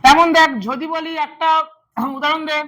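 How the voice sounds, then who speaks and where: High bright-voiced male grammar teacher. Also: level tone, normal speed. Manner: repeats words, quizzes students directly. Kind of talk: classroom lesson.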